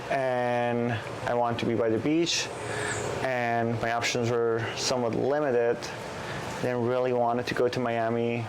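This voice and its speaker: A man in his thirties from Iran, a Persian speaker, talking thoughtfully in a casual interview with many pauses and restarts. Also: medium pitch, little pitch movement, noisy background. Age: 30s. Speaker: poet, guest.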